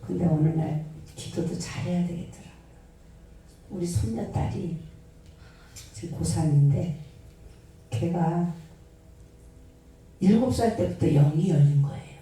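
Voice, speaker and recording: A grandmother-aged woman pastor preaches, her mellow, warm voice carrying from a distance through a very echoey hall. She acts out the scenes of her story as she tells them, with a lively storyteller's delivery. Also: lowish voice, unhurried, long pauses. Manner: animated storyteller acting out scenes. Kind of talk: sermon with storytelling. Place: prayer retreat hall.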